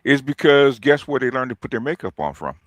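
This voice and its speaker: A man talking casually and opinionatedly, repeating himself in a halting but emphatic way. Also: medium pitch, big pitch swings, a bit bright, dry recording, clean studio sound. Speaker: talk show panelist.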